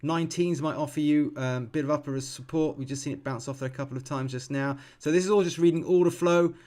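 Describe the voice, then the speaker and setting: A man in his forties talks through a live trading session at a desk mic, calm and explanatory. His voice sits a little high for a man, and he thinks aloud with many ums and quick self-corrections. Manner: calm, explanatory, teaching as he watches. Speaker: futures trader streaming live.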